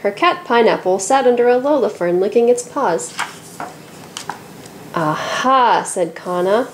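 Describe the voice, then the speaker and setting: A woman reading a children's picture book aloud, telling the story in a lively and expressive way. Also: on the high side, moderate pace, slight background noise, low-quality recording. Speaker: storybook reader.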